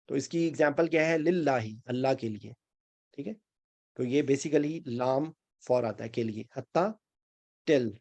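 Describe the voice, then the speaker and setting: A man's voice: on the high side, a little mellow, dry recording. A male teacher giving an online grammar class, explaining step by step and checking in with his students as he goes. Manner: mixes English phrases into Urdu. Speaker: Quran and Arabic grammar teacher.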